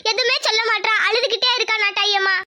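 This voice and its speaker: A woman's voice: very high-pitched, fairly even intonation, fast talker, pushed and bright, exaggerated voice. A woman voicing a worried village mother pleading with the headwoman in a cartoon. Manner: pleading, fretful.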